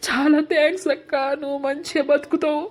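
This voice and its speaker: A woman's voice: medium pitch, steady tone, brisk, a bit bright, lightly acted. A woman voicing an earnest young son in a cartoon, with a Telangana Telugu accent and a pleading way of talking. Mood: tearful. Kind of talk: animated cartoon voice acting.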